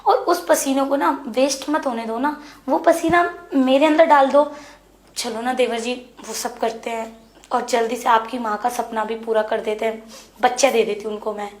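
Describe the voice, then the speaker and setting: A woman playing a frustrated young married woman who pleads with her brother-in-law, insistent and hushed. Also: fairly high pitch, fairly even intonation, moderate pace, close to an everyday voice. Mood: pleading. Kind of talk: Hindi web series dialogue. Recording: echoey room.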